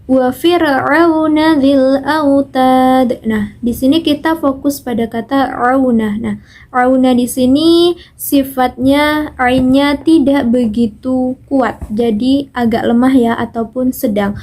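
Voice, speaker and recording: A young woman from Indonesia, a student giving a recitation lesson, explains letter sounds patiently and chants verses slowly. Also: high-pitched, steady tone, darkish tone. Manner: slow, patient explaining with frequent "nah". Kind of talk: explaining Quran letter pronunciation.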